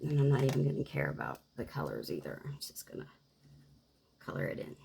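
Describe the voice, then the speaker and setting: A woman with a low, gravelly voice talks quietly through a casual savings-game vlog. She sounds worn out and short on energy, moving slowly and coughing now and then. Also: sing-song, a little hiss or hum, rough recording. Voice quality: coughing at times. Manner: quiet, subdued, unhurried talk. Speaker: budgeting game creator.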